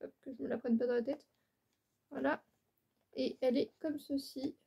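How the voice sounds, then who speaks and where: Chatty woman, mellow voice. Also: high voice, fairly even intonation, moderate pace, vocal fry, breathy edge. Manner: chatty, hesitant, many fillers and restarts; apologetic. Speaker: YouTuber. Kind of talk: casual chat. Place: bedroom at home by a window.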